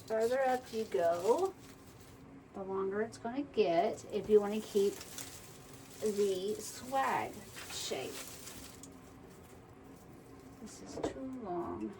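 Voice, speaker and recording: A woman's voice: mid-range voice, animated, slow, pauses often, mellow. A woman, chatting casually through a crafting tutorial and muttering to herself as she works. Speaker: wreath-making tutorial host. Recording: distant mic, faint background noise.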